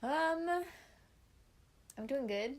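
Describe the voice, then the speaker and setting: Slow-talking, easygoing young woman. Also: sits high, animated. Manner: easygoing, laughs often, supportive. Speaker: podcast co-host. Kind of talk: casual chat.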